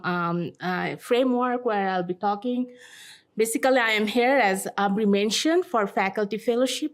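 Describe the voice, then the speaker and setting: A woman with a Bangladeshi English accent presents her research to a seminar audience at an ordinary pitch. She speaks haltingly, with frequent fillers and restarts as she works through her points. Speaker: guest lecturer, climate scientist. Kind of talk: academic seminar talk. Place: seminar room.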